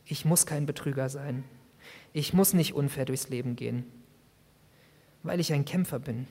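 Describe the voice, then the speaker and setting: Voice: mid-range voice, normal speed, dark tone. A youth preacher giving a sermon, retelling a story dramatically in the first person. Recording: long hall reverb.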